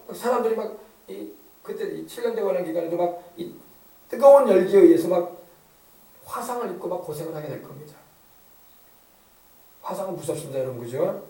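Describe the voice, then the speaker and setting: A man's voice: sits high, expressive, fairly quick, pauses often, warm tone, reverberant, recorded from a distance, low-quality recording. A male pastor preaching an emphatic sermon, often asking the congregation to agree. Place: church sanctuary.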